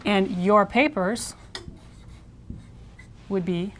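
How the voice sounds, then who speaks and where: A woman teaching a Spanish lesson, modeling words slowly and repeating each one. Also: medium pitch, a little hiss or hum. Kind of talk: video language lesson.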